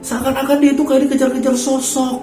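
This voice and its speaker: A man voicing a shrill, frantic, bossy mother-in-law who scolds her daughter-in-law. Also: completely flat delivery, a little fast, warm tone. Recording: echoey room, faint music.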